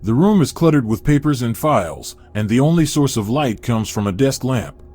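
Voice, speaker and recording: Male narrator, mid pitch, steady first-person horror storytelling. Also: moderate pace, faint music behind.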